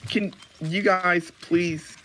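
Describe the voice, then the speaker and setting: A man's voice: high voice, fairly even intonation, extremely slow, fairly bright tone, slight background noise, voice pushed up, exaggerated voice. A man voicing a nervous, evasive townsman who pleads with the party to follow him, in a tabletop game. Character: nervous evasive young man leading heroes.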